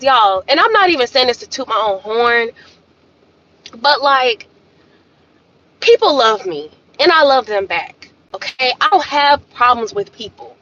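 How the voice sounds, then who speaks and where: A livestream host with a high-sitting voice tells a story in a casual, sassy, animated way, speaking directly to viewers and calling them "y'all." The high frequencies are cut off.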